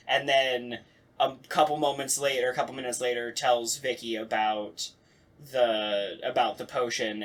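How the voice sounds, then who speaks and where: Hosting a relaxed podcast conversation about radio plays, this man tells stories with lots of energy and acts out how people might react. His voice sits at medium pitch and has a bright, forceful quality.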